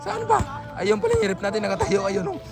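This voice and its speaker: A woman vlogging excited play-by-play of a neighborhood basketball game, breathless, calling out plays and teasing the players. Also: mid-range voice, brisk, creaky, over loud music.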